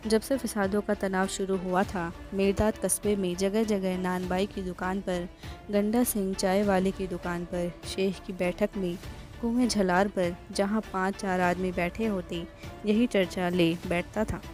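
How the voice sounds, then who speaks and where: A woman narrating a novel audiobook in a measured, clear storytelling manner. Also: medium pitch, flat delivery, a little mellow, soft background music.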